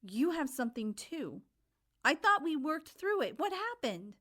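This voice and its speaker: A man's voice: very high voice, very animated, measured pace, bright, forceful tone, voice pushed up, exaggerated voice. A woman voicing an anxious, hospitable male ferryman of souls, fretful at times and formal and grand at others.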